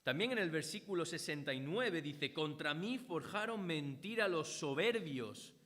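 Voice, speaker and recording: A Spanish pastor with a Spanish accent preaches an earnest sermon in a church hall, repeating phrases and quoting scripture. His voice sits on the high side with lively intonation and a fairly bright tone, a little slow, and the hall's reverb is long.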